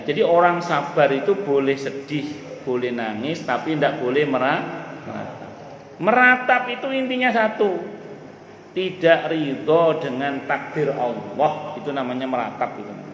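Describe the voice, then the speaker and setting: A male preacher, giving a lively religious talk in casual speech to a live audience, repeating his main points. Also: medium pitch. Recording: echoey hall with faint room noise.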